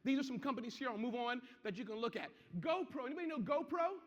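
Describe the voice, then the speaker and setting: A man giving an interactive business seminar to a live audience, energetic and constantly checking that people follow him. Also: very high voice, fast talker. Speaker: seminar presenter. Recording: muffled, echoey hall.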